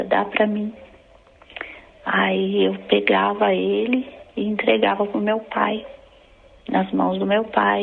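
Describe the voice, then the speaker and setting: A middle-aged Brazilian woman with a Brazilian Portuguese accent telling an emotional personal religious testimony, halting and restarting her sentences, over tinny phone-like audio. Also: mid-range voice, creaky, a little hiss or hum. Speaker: church member giving a testimony.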